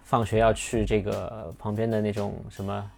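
Low gravelly-voiced man telling a story. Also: level tone, normal speed, a little mellow, soft background music. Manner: rambling, many restarts and fillers. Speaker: podcast host. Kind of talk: casual storytelling monologue.

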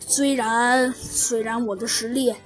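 A woman voicing a troubled male wolf, sighing, halting, high voice, faint music behind. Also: steady tone. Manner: sighing, halting storyteller's retelling. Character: worried male wolf elder recounting troubles.

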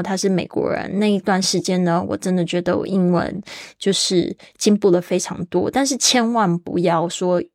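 A woman's voice: on the low side, darkish tone, dry recording, studio quality. Chatty woman podcast English teacher. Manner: chatty, spells words out letter by letter; laughs easily. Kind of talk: casual podcast English lesson.

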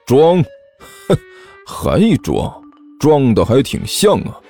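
Casual: guy doing a cold scolding teacher, sneery, kinda low. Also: sing-song, normal speed, warm tone, faint music behind. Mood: sneering. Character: stern sneering school teacher.

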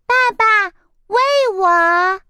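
A woman's voice: extremely high pitch, fairly even intonation, very slow, bright, forceful tone, dry recording, pitched above the performer's own voice, full character voice. Woman voicing a spoiled little egg girl. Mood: whiny. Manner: pleading, whining, childish. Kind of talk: children's storybook reading.

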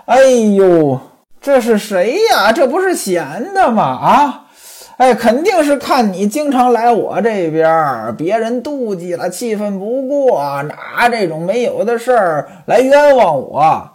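A woman's voice: big pitch swings, unhurried, a little mellow, breathy edge, full character voice. A woman storyteller voicing a cunning young concubine who wails and protests her innocence in a raised, pleading voice. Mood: protesting. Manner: high wailing protesting pleading.

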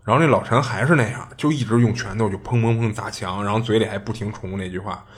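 Low-voiced man telling a ghost story. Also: fast. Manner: chatty, colloquial, with many filler restarts. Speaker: podcast host.

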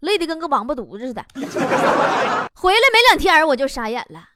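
A young woman with a Northeastern Mandarin accent does a stand-up comedy monologue. Her voice sits high and swings widely, full of dialect slang and quick chuckles. The recording is noisy, with clicks. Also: very animated. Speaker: talk show comedian.

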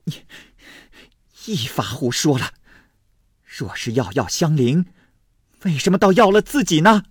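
A man doing a shrill scolding old mother. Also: big pitch swings, normal speed, pushed and bright, breathy edge, no echo, clean studio sound, heavily acted. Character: shrewish older mother, shrill and scheming.

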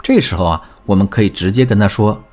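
A man's voice: lowish voice, fast talker, a little mellow. A man teaching as a relationship coach, telling a student's story in a scripted lesson and speaking directly to the listener. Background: faint background music.

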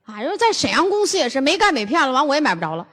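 An older woman gives a lively lecture. She tells stories bluntly and throws rhetorical questions at the audience. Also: sits high, very fast, big-room sound. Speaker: lecturer on health and nutrition.

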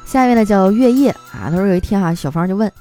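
A woman's voice: medium pitch, expressive, rapid-fire, dark tone, soft background music. A woman radio host reading out listener jokes in a playful, chatty way. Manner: playful, chatty, mimics voices for quoted people. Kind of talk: casual comic storytelling.

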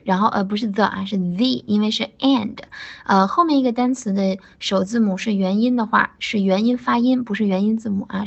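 Woman, pronunciation teacher, slowed-down demonstrations, student-by-student corrections, breathy voice, muffled lo-fi audio. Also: medium pitch. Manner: slows words down to demonstrate, then gives each student feedback by name. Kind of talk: online pronunciation lesson.

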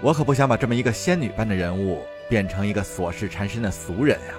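A man's voice: lowish voice, fast talker, over music, close to an everyday voice. A man voicing a modest, sincere young man who speaks courteously in a historical audio drama. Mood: heartfelt. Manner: courteous, warm-hearted.

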